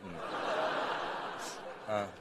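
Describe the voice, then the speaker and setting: A man's voice: drawn-out words, noisy background. A man, teasing and mock-scornful in comic podcast banter.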